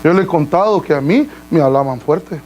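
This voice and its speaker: High-voiced man preaching a sermon. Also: lively intonation, fairly quick, lo-fi sound. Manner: preaching with questions to the congregation; addresses listeners as brother. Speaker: pastor. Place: church.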